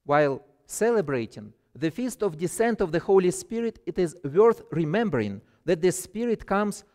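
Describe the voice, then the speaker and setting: A middle-aged man with a Russian accent, a guest pastor reading a sermon from the pulpit in a measured, deliberate way. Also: high-pitched, sing-song, a little mellow, in a large hall. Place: church sanctuary, at a pulpit.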